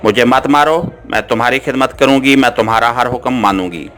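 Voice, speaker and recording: A man voicing a captured young Swiss woman in an audiobook, firm at first and then begging, over soft background music. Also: mid-range voice, animated, a little slow, a little hiss or hum. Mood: pleading. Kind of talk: audiobook character reading.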